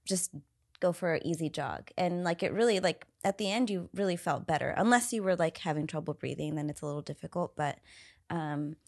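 A young woman co-hosting a casual podcast, playful and quick to laugh. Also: lowish voice, darkish tone. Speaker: podcast co-host.

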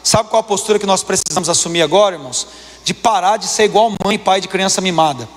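A Brazilian man in his thirties preaching a sermon as pastor, impassioned, his voice climbing higher when he presses a point. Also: fast. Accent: Brazilian Portuguese. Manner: impassioned, rises in pitch when preaching hard. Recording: long hall reverb.

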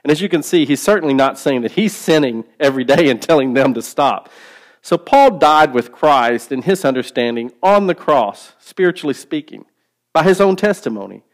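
Man, podcast Bible teacher, higher-pitched voice, emphatic delivery, rhetorical questions, sermon style. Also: lively intonation, normal speed.

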